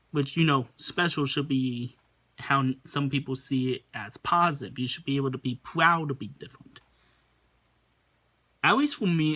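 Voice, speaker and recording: This is a man hosting a casual reaction video. His voice is bright and forward. He rambles a little and sometimes stops mid-thought to find the right words. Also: medium pitch. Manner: rambling, chatty, searches for words.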